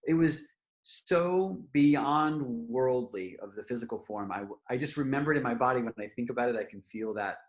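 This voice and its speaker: A man who teaches yoga nidra, a guest telling a personal story in conversation, animated and laughing often. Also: mid-range voice, normal speed. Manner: animated, acts out what people said, laughs often.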